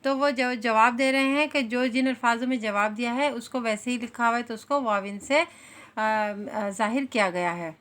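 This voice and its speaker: A woman's voice: fairly high pitch, normal speed, fairly bright tone. A woman with a Pakistani Urdu accent teaching a school lesson, explaining patiently with frequent hesitations.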